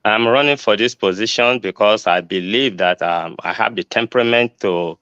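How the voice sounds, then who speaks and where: A Nigerian judicial candidate in his 60s, whose first language is Yoruba, answers forum questions over a video call in a low, fairly bright, clean voice at normal speed. He sounds hesitant, with many ums and restarts. The recording is dry, with dull lo-fi video call audio.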